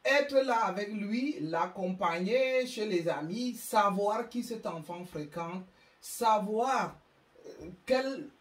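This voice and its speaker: A woman's voice: mid-range voice, lively intonation, takes it slowly. A woman from Africa giving a public talk to parents, emphatic and scolding, often stumbling and repeating words as she searches for them. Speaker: speaker on parenting. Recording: echoey room, distant mic.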